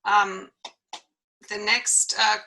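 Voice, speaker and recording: A woman moderating an online event and calling on participants, speaking in an unhurried, halting way. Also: mid-range voice, little pitch movement, bright, forceful tone, a little hiss or hum, poor audio.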